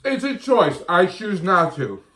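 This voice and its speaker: A man in his thirties with a slightly high voice, talking casually and bluntly to his camera. He hammers his points home and often says them twice. The talk is loose and unscripted. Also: sing-song, a little slow, pushed and bright. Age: 30s. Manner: blunt, emphatic, repeats himself. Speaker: vlogger and diet coach.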